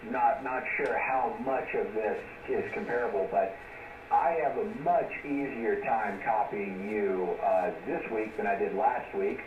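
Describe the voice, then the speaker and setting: A man acting as net control on an amateur radio net, his voice coming through a ham receiver thick with static. He sounds distant and muffled, with an echoey ring. He talks easygoing and chatty, with lots of filler words. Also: medium pitch. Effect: heard over a ham radio receiver with static.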